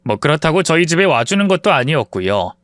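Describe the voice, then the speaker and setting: High, lively male story narrator. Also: quick pace, dry recording. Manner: confiding, matter-of-fact retelling. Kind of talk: scripted first-person narration.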